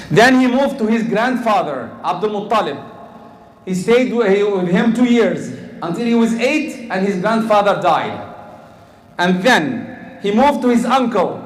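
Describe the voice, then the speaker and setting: A man's voice: sits high, roomy sound, low-quality recording. A man from Egypt preaching a sermon, asking the crowd questions, repeating words as he goes.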